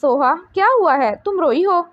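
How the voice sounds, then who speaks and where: Audiobook part: soothing big brother, read by a woman, bright high voice, dry dull recording. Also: lively intonation, normal speed, no echo. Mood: gentle. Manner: soothing, affectionate. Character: caring older brother, gentle and reassuring.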